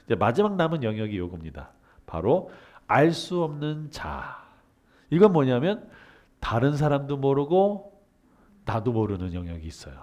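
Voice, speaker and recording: With a medium-pitched voice at a moderate pace, a man lectures on humanities topics. His style involves asking and answering his own questions and lively acted renditions of everyday dialogue.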